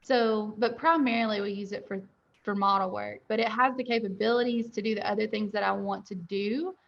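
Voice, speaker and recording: A woman's voice: medium pitch, steady tone, brisk, vocal fry. A young woman who owns a dental lab, answering questions candidly in a webinar interview over a video call. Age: young adult. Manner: candid, chatty, laughs easily. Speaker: dental lab owner and guest. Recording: dull lo-fi call audio.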